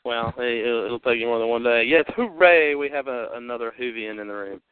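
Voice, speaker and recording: A man hosting a podcast chats casually by phone in a medium-pitched voice, brisk, upbeat and rambling with fillers. The dry, narrow phone-line audio carries a little hiss or hum.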